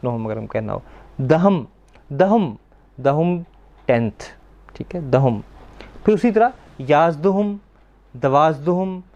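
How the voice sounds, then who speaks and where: A male teacher with a fairly high voice gives a children's lesson. He sounds patient, repeating each word slowly so the class can copy it, and often stops to ask the pupils questions and confirm their answers. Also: darkish tone, dull audio. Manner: patient, repeats words slowly to drill pronunciation. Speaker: language teacher.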